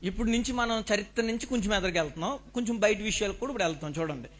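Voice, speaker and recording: A man delivers a sermon in a church hall, his voice pitched very high. His tone is bright and forceful. He keeps putting questions to the congregation and presses them to shout their answers back. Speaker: preacher. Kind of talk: Telugu sermon with call-and-response questions to the congregation.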